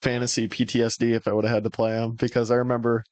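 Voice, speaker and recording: A man co-hosting a laid-back sports podcast. He talks in an animated, profane ramble with many fillers. The sound is dry and close, with no room around it. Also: mid-range voice, rapid-fire, no room sound, highs cut off. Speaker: podcast co-host. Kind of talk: casual sports chat.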